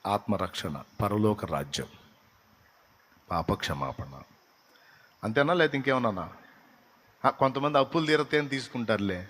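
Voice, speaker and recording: A man's voice: lowish voice, big pitch swings, moderate pace, long pauses, a bit bright. A man preaching a sermon as pastor, often putting questions to his listeners. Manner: preaching with rhetorical questions to the congregation. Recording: long hall reverb.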